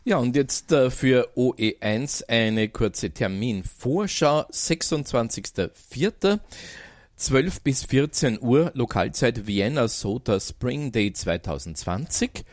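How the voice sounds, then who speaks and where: A man's voice: medium pitch, lively intonation, slow pace, no echo, studio quality. A man with an Austrian accent presenting an amateur radio club bulletin, reading out announcements.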